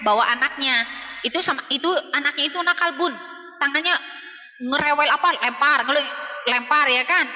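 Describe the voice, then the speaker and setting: Woman, Sundanese accent, female preacher, emphatic chatty advice, high voice, dull lo-fi phone audio. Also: normal speed, pushed and bright, long reverb tail. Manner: chatty and emphatic, often addressing listeners as Bun; acts out scolding mothers in little voices. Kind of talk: informal religious advice talk on a live stream. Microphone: phone on a live stream.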